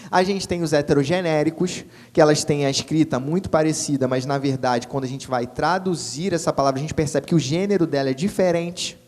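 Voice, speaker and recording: A man's voice: a little high, a little fast, hardly any pauses, a little mellow, in a large hall. A man with a Brazilian Portuguese accent teaching a Spanish class, casual and checking in with students often. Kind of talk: recorded online class.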